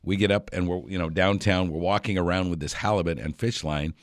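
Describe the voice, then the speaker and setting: A man's voice: low-pitched, a little fast, no room sound, studio quality. A man hosting a radio outdoors show, telling a rambling story with lots of fillers and chuckles. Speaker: radio host.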